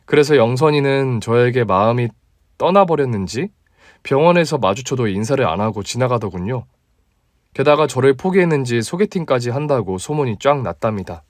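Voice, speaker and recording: A man's voice: lively intonation, normal speed, no echo, studio quality. Subdued man narrating his story. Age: 30s. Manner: subdued, low-key.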